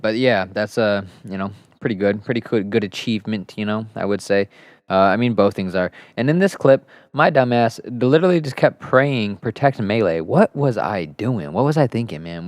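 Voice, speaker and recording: A man's voice: low voice, smooth, dry recording, clean studio sound. A man talking casually over his gameplay footage, laid-back and rambling, swearing freely as he recounts his game. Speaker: gaming channel host.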